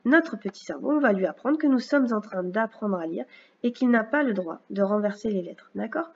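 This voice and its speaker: In a recorded video, a first-grade teacher guides a young child through phonics, speaking slowly and clearly as she patiently stretches out each sound. Her medium-pitched voice is animated and a little mellow. The audio is dull and slightly lo-fi, like something captured on a home computer.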